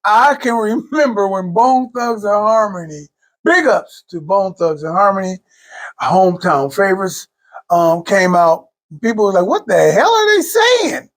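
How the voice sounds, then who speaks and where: A man's voice: sits high, a bit bright. A man from Cleveland co-hosting a podcast, talking loosely and animatedly with many restarts and asides. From Cleveland, Ohio. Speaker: podcast co-host. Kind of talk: casual chat.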